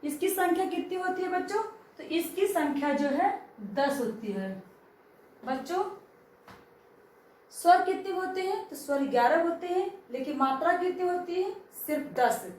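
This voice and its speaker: A woman's voice: extremely high pitch, lively intonation, normal speed, darkish tone, distant mic. A woman teacher giving a grammar lesson to children, asking them questions and then answering them herself. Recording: very echoey room, voice from off-mic.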